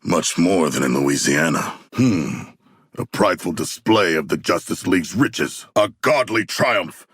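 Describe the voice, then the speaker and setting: A man playing a hulking shark-man warrior in a video game, with a rough gravelly voice and stilted, formal, proudly bloodthirsty yet earnest speech. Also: deep voice, animated, a little slow, fairly bright tone, dry recording, clean studio sound, heavily acted. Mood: dry, deliberate. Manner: stilted formal diction, grandiose, literal-minded. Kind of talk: video game character voice lines.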